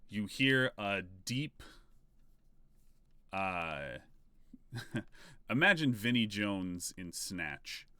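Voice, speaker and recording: Laid-back guy running a tabletop game, slow and halting, super dry close sound. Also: fairly low pitch, pushed and bright, no echo. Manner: laid-back, halting narration with frequent pauses. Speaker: game master. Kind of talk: narrating a tabletop role-playing game.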